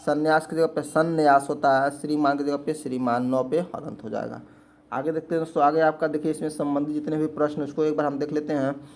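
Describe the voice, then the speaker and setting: Man teaching spelling, higher-pitched. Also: darkish tone. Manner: repetitive question-and-answer explaining. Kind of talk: exam-prep lesson.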